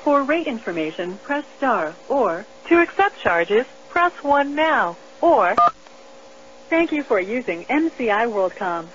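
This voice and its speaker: A woman's voice: on the high side, sing-song, measured pace. A woman's recorded collect-call operator announcement, played over a payphone call in clipped, evenly spaced prompts. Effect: recorded operator message played over a payphone call. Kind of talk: scripted automated announcement. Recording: dull lo-fi phone line with faint hiss.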